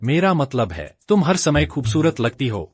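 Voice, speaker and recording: A man voicing an earnest, lively young hero. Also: mid-range voice, moderate pace, soft background music, lightly acted. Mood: awkward. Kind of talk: dubbed drama dialogue.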